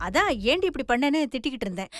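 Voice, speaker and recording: A woman's voice: sits high, big pitch swings, racing. A middle-aged actress playing an anxious mother in a TV serial who pleads and tries to keep the peace. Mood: pleading. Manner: pleading, placating. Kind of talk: TV serial acting. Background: music.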